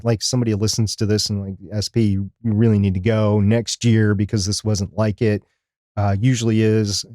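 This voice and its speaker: A middle-aged man co-hosts a podcast in a casual, unscripted live chat, rambling in a conversational way. His voice is on the low side and a little mellow, captured in a dry recording with clean studio sound.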